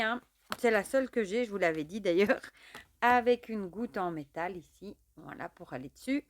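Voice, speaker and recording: A woman, chatting casually while unboxing and showing a card deck, often filling pauses with little stock words. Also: on the low side, a little hiss or hum. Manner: chatty, fills with "voilà" and "euh". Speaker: tarot and oracle deck reviewer.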